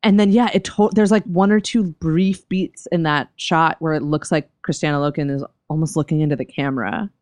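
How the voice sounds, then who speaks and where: A woman co-hosting a podcast, animated and playful as she retells scenes in casual chat. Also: low-pitched, a little fast, hardly any pauses, dry recording. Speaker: podcast co-host.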